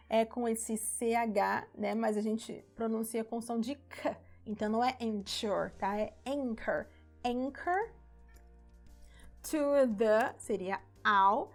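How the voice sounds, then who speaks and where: A Brazilian woman teaching English through a worship song, patiently modeling each English word slowly. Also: on the high side, a little mellow. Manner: patient, stretching English words slowly when modeling them. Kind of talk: English lesson using song lyrics.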